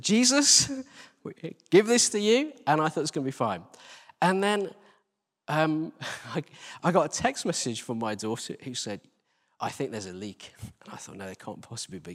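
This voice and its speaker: This church team leader, a middle-aged man with a fairly bright, mid-range voice, gives an anecdotal sermon in a conversational, self-deprecating way. It was recorded live in a church hall with a reverberant sound.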